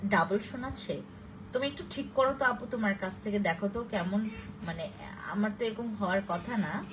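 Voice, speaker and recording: A woman's voice: mid-range voice, fairly quick, background noise. Chatty Bangladeshi woman hosting a live stream. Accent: Bangladeshi Bengali. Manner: chatty, rambling, many fillers and restarts. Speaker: live-stream host for a skin-care brand. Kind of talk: casual live-stream chat answering viewer comments.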